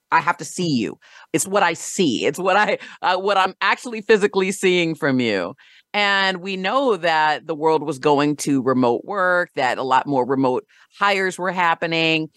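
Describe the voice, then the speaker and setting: A woman hosts a radio career show with a low-set voice. The sound is dry and close, and she talks earnestly, often doubling words as she gathers her thoughts. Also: fairly bright tone, no room sound. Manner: earnest, repeats words while thinking. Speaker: host. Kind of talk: radio interview chat.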